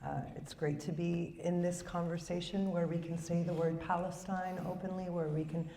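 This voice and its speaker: A filmmaker and former public radio journalist from Chicago, United States, speaks reflectively on a conference panel, using many fillers. Her voice is on the low side, creaky and mellow, with a flat delivery at a moderate pace. The mic sits far off in a roomy hall, with faint noise.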